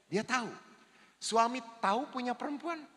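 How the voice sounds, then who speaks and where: Man, priest, jokey seminar talk, high voice, echoing hall. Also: moderate pace. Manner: lively, jokey, acts out spouses' lines. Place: church hall. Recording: long reverb of a large hall.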